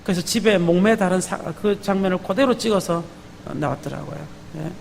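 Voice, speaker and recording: Man, pastor, preaching a sermon, gravelly voice, long reverb, faint hiss behind. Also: sits high, brisk. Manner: emphatic, calls out to the congregation with repeated "예?". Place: church sanctuary. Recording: long hall reverb, faint background noise.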